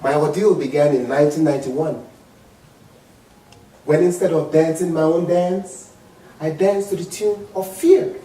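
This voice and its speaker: A man's voice: measured pace, long pauses. A man in his forties with an African accent, giving a dramatic, emphatic motivational speech to an audience. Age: 40s. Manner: dramatic, emphatic, swings from low murmurs to loud high exclamations. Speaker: public speaker. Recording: very echoey hall, mic far off.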